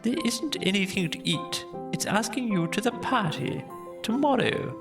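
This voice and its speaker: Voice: medium pitch, animated, moderate pace, gravelly, over music, voice pushed up. A storybook narrator voicing a fussy, self-important owl who speaks with emphasis. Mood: announcing.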